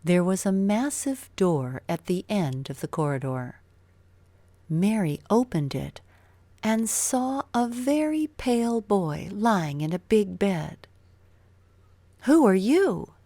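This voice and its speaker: A woman with a mid-range voice reads a scripted children's story, telling it in an expressive, deliberate way. The recording is dry.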